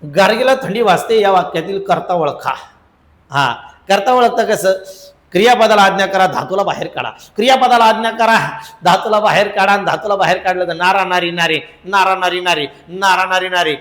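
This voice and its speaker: Male teacher, slightly high voice, drills answers in repeated lists, echoey room. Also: a little fast, fairly bright tone. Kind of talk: exam-prep grammar lesson.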